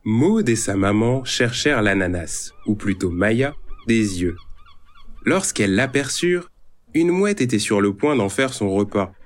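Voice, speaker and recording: A man narrating a children's story in a calm, expressive read-aloud manner. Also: fairly low pitch, measured pace. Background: faint music.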